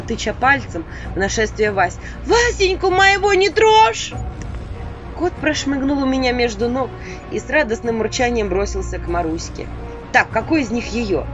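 A woman reads a comic folk-style audiobook with an animated, swooping delivery. The sound is dull and lo-fi, with faint music underneath. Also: fairly high pitch. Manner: lively, expressive storytelling. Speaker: audiobook narrator. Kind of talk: scripted audiobook narration.

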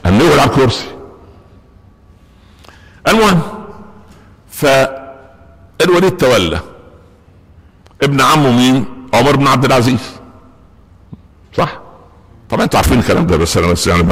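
An Egyptian preacher delivers a Friday sermon at a quick clip, mixing storytelling with joking asides to the congregation. His mid-pitched voice carries through the mosque, and a long reverb trails behind each phrase. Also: big pitch swings, a bit bright, husky. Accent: Egyptian Arabic. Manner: humorous, conversational, with asides to the congregation.

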